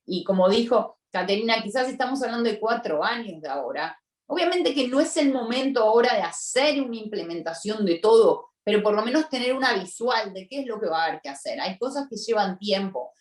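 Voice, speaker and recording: Casting: woman, measured explainer, roomy echo, set back from the mic. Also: mid-range voice, lively intonation. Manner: explanatory, emphatic, repeats key points. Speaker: tax lawyer, panelist. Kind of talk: webinar explanation. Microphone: video call. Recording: echoey room, distant from mic.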